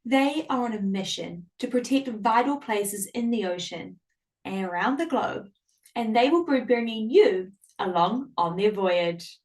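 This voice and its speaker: A woman's voice: on the high side, lively intonation, unhurried. A woman hosting a live online classroom in an enthusiastic, welcoming, upbeat presenting style. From Samoa or New Zealand. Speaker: host.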